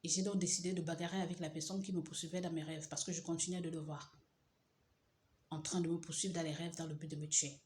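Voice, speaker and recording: A woman giving a dramatic religious testimony, repeating phrases and dropping to a hush at times. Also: sits low, flat delivery, fast talker, a little hiss or hum. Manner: dramatic, repeats phrases, drops to hushed tones. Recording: roomy echo with faint ambience.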